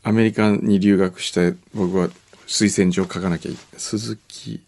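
A man hosting a podcast, chatting casually and telling a story with lively imitated lines. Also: deep voice, measured pace. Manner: animated storytelling, slips into mock dialect lines. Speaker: podcast host. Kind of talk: casual chat.

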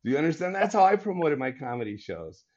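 A man in his forties, a comedian, chatting casually and telling stories in an animated, laughing way. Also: on the high side, fast, dull audio. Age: 40s. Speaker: comedian guest. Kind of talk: casual podcast chat.

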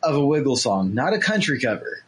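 A man's voice: mid-range voice, sing-song, fairly quick, breathy edge. A man co-hosting a podcast in casual chat, easygoing and self-deprecating, laughing along. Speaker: podcast co-host.

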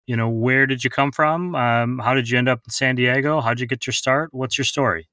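A man's voice: medium pitch, fairly even intonation, a little fast, bright, forceful tone, no room sound. A man hosts a podcast, reading an introduction and then asking questions. He sounds upbeat and friendly. His voice sits in a middle range, and the recording is dry with no room sound. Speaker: podcast host.

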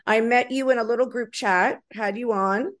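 Woman host from Florida with a somewhat high voice, keeps her questions friendly and brief. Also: steady tone, normal speed, a bit bright. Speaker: podcast host. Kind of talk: casual interview.

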